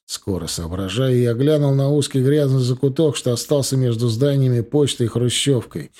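A man narrating a first-person audiobook with a brisk, tough-guy delivery. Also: mid-range voice, warm tone.

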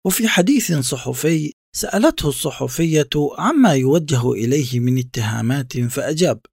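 A man reading a reflective first-person literary text in a measured, contemplative way. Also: medium pitch, lively intonation, gravelly, darkish tone, breathy edge, dry recording, clean studio sound. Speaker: narrator.

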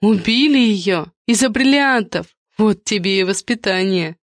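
A woman's voice: medium pitch, animated, a little slow, no room sound. A nosy, suspicious middle-aged woman, voiced by a female reader asks probing, insinuating questions. The sound is dry and close. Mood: triumphant.

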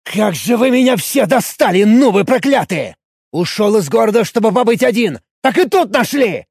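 A man voicing a belligerent, coarse male elf warrior who yells threats in an audiobook. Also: high-pitched, lively intonation, brisk, dry recording, clean studio sound, pitched above the performer's own voice. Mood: enraged. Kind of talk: audiobook character voice.

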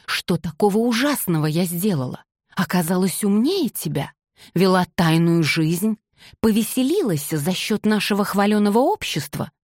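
A woman's voice: medium pitch, expressive, moderate pace, darkish tone, dry recording, studio quality, pitched above the performer's own voice, natural voice. A woman reading the lines of a proud, indignant young woman in an audiobook. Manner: indignant, insistent. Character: proud young woman, secret gossip writer.

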